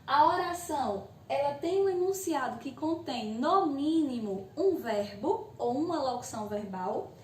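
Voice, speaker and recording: Her voice is high, expressive, and somewhat dark in tone as this Brazilian-accented woman teaches eighth graders at an unhurried pace in a video lesson. She is patient, often adds "ok?", and voices the questions her students might ask. The room echoes, she's a bit far from the mic, and faint hiss or hum is audible.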